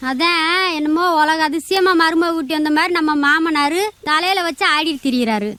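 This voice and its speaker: An actress playing a quarrelsome village daughter-in-law in a film drama, sharp and scolding. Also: female voice, high-pitched, moderate pace, no echo. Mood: gossiping.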